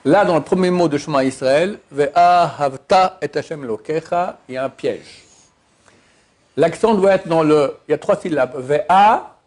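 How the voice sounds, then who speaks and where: A man gives a religious lesson in a voice that sits a little high. He hammers key words with repeated emphasis. He often stumbles and starts a sentence over. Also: moderate pace, a little mellow. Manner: emphatic, repeats Hebrew words to stress the syllable. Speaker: rabbi teaching a class.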